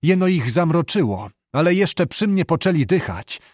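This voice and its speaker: A man reading an audiobook, voicing a calm, stubborn young knight who answers steadily. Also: fairly high pitch, moderate pace, no echo, studio quality, pitched above the performer's own voice. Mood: calm defiant.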